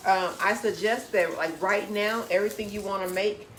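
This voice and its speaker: A woman with a mid-range voice talks at a moderate pace in her home kitchen, chatting away and handing out direct, homey cooking tips as she works. There's a little background noise.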